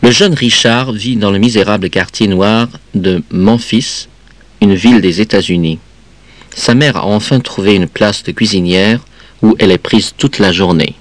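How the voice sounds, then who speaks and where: A man reading a children's story aloud in an expressive, measured way. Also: fairly low pitch, dry recording. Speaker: reader.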